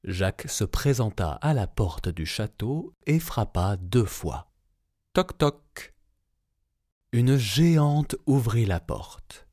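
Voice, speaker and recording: A man reading a children's fairy tale aloud, telling it in a slow, expressive way. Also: lowish voice, no echo, studio quality. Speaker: narrator.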